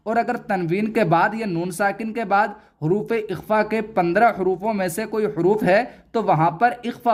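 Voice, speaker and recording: A man teaching Quran reading in a recorded lesson, patiently spelling out each syllable and repeating it. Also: high-pitched.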